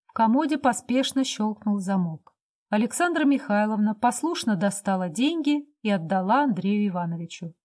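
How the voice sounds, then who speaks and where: A woman narrating a classic novel as an audiobook in a measured, expressive reading style. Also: medium pitch.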